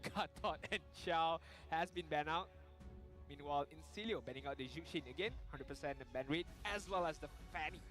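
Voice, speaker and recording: Brief: steady, analytical male esports caster with a slightly high voice. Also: fairly quick, soft background music. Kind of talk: esports draft commentary.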